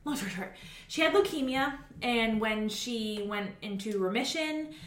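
A woman's voice: on the high side, animated, moderate pace, slight background noise. A woman in her forties from New England, chatting casually and rambling through a story with lots of fillers. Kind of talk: casual chat. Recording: echoey room.

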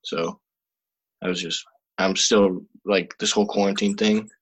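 A man's voice: deep voice, level tone, unhurried, breathy edge, rough recording. An eighteen-year-old young man talking plainly and steadily about his senior year. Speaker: high school senior.

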